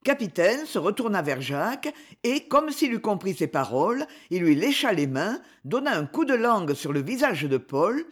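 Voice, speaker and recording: Expressive woman reading a story. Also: mid-range voice, slightly rough. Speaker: narrator. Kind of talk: scripted narration.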